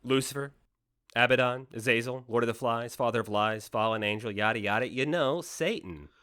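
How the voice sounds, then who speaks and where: A man's voice: medium pitch, brisk, bright, forceful tone, clear, resonant tone, no room sound, studio quality, lightly acted. A man playing a breezy Satan in human guise in an audio drama, glib, casual and full of mock sympathy. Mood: glib, sardonic. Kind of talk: modern audio drama acting.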